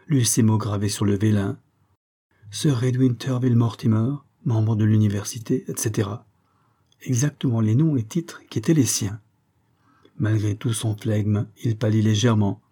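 A man reading a classic novel aloud as an audiobook, in steady, measured narration. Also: on the low side. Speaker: audiobook reader. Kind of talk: scripted narration.

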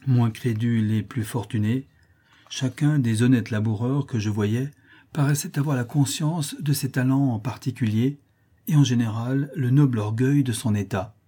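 A man reading a classic novel aloud as an audiobook narrator, in a measured literary manner. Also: mid-range voice, dark tone, husky. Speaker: audiobook reader.

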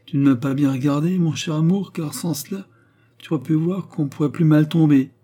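A man voicing a scheming, mocking baronet of about thirty, raising his voice to sound smooth, teasing and coldly calculating in an audiobook reading. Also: fairly high pitch, fairly quick, dark tone, voice pushed up, natural voice.

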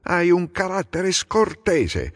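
A man's voice: medium pitch, sing-song, moderate pace, vocal fry, slightly rough, long reverb tail, voice pushed up, full character voice. A man voicing an older king, proud and testy, in a dramatic audiobook reading. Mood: irritated. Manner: peering, uncertain, then testy.

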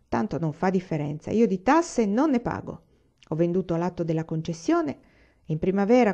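A woman voicing a rough-spoken male homesteader in a storybook reading, gruff and joking. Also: fairly low pitch, warm tone, dull audio.

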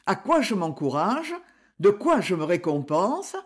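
A woman voicing a refined, erudite male collector who speaks politely and with gentle self-deprecation, in an audiobook reading. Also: lowish voice, big pitch swings, measured pace, breathy edge, full character voice. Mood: courteous.

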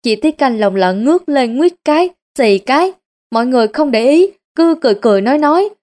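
A middle-aged woman, reading a story aloud in a lively, colloquial manner. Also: high-pitched, fairly quick.

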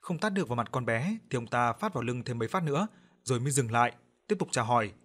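A man narrating a dramatic audio story in a measured, emotive way. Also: medium pitch, lively intonation, a bit bright.

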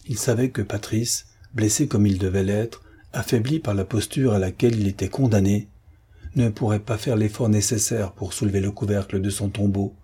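A man narrates a classic novel in a steady, measured rhythm. His low voice is dark and mellow, with a husky, breathy edge. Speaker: audiobook narrator. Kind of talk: scripted narration.

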